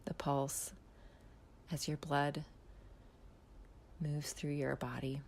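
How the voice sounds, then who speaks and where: In a level tone, a woman guiding a body-scan meditation speaks low and slow, her gravelly, fry-tinged voice soft and at times nearly whispered. Gentle instructions come with long pauses, over slight background noise.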